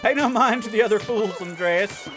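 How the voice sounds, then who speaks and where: A man's voice: sits high, normal speed, over music, pitched above the performer's own voice, natural voice. A man voicing a mischievous male jester in a raised, mocking voice.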